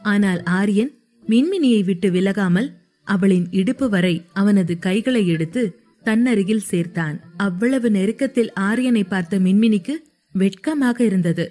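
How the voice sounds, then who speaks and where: A woman reading a romance story aloud in steady scripted narration. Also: mid-range voice, unhurried.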